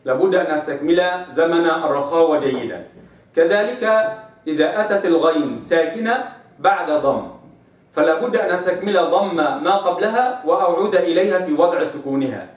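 A man with an Egyptian Arabic accent teaching Quran recitation rules, patiently explaining and drawing out the recited example words slowly. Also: on the high side. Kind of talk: tajweed lesson with recited examples. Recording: very echoey room, speaker far from mic.

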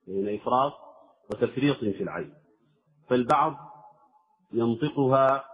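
Husky man teaching recitation over a tinny line. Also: mid-range voice. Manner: slow, deliberate, demonstrates sounds by drawing out words. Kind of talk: tajweed lesson with recited examples. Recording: tinny phone-like recording.

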